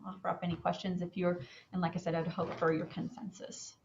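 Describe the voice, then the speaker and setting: Brief: woman city manager, low-ish voice, measured and formal, echoey council room, dull audio. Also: little pitch movement, a little mellow, slight background noise. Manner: measured, formal, occasional fillers. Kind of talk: formal public meeting remarks.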